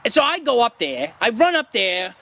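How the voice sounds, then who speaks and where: Man playing a high-voiced, boastful washed-up prop comic. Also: sing-song, sharp tone, exaggerated voice. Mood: rambling, self-important. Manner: rambling, halting, self-important, defensive. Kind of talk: mock-documentary interview.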